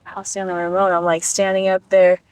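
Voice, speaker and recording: A woman's voice: medium pitch, level tone, quick pace, a little mellow. A woman as a guest on a talk show, telling a personal story in casual, blunt language and acting out what people said. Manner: blunt and profane, acts out quoted lines.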